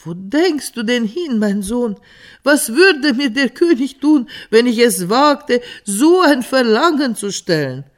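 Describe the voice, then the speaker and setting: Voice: medium pitch, animated, slow pace, voice pushed up. A storyteller voicing a frightened old peasant father in a fairy tale reading, with a pleading, anxious tone. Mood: alarmed.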